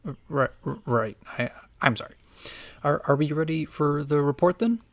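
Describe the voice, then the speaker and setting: A man's voice: fairly high pitch, moderate pace, dry recording, natural voice. A man playing a nervous, deferential young apprentice investigator in an audio drama, hesitant and apologetic. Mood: nervous, flustered.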